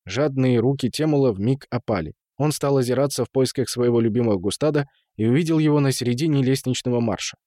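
A man reading an audiobook in measured storytelling, voicing the characters. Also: medium pitch, mellow, no echo, studio quality. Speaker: narrator. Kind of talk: audiobook narration.

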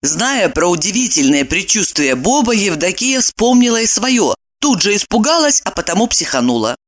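A woman narrating an audiobook chapter with expressive storytelling. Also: medium pitch, normal speed.

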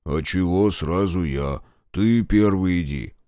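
A burly village strongman, as a male narrator puts him on, with a very deep, dry voice. He grumbles slowly and stubbornly, dodging any danger, as in a storybook audiobook. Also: a little mellow, clear, resonant tone, no room sound. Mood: grumbling. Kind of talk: audiobook character voice.

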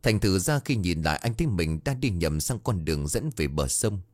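A man's voice: deep voice, lively intonation, moderate pace, no room sound. A man reading a scripted horror story as a narrator, with music behind his voice. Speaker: narrator of ghost stories. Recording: music under the voice. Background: background music.

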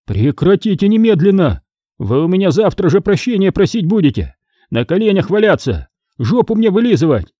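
A man's voice: big pitch swings, normal speed, mellow, no room sound, clean studio sound. A man voicing a haughty, middle-aged rich businessman who gives orders and protests. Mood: furious. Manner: haughty, shrill, commanding. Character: indignant rich middle-aged businessman, pompous then frightened.

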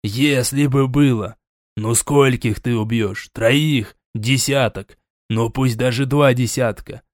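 A man's voice: mid-range voice, fairly even intonation, slow pace, no echo, studio quality, lightly acted. A man voicing a stern older prince who scolds, sighs and turns suspicious. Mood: weary. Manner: scolding, sighing, sarcastic.

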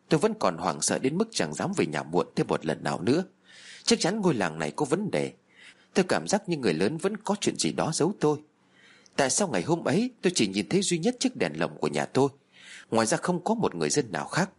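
Husky man narrating a horror story. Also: mid-range voice. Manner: tense, dramatic storytelling.

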